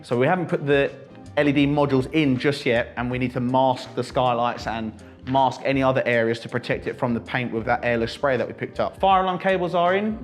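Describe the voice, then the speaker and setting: A British man hosting a casual vlog tour of a building under renovation, talking in an enthusiastic, jokey, exclamatory way. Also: medium pitch. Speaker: vlog host.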